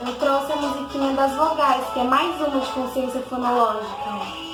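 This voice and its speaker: High-voiced teacher sounding out letters. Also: female voice, over music. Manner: patient, sounds out letters slowly and clearly. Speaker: literacy teacher. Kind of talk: instructional video for parents.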